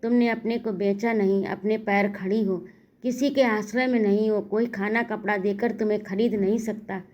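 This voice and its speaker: A woman's voice: medium pitch, fairly even intonation, normal speed, darkish tone, lightly acted. A woman reading as a feverish delirious young woman. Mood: pleading.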